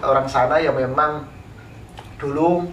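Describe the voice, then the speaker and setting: A man from East Java, an interviewed painter, tells his life story in a casual, unhurried way with many fillers. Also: medium pitch, steady tone, a bit bright, lo-fi sound. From East Java, Indonesia. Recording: roomy, from a distance, faint background noise.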